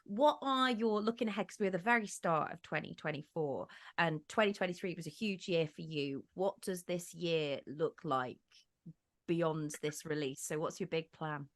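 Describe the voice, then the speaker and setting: A woman's voice: on the low side, moderate pace. Effusive woman podcast co-host. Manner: enthusiastic, effusive praise with restarts. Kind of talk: casual interview chat.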